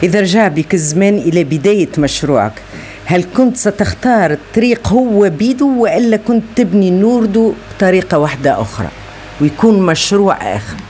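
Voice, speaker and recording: A woman's voice: mid-range voice, lively intonation, a little fast, mellow, slight background noise. A woman with a Tunisian accent interviewing a singer, asking friendly, direct questions.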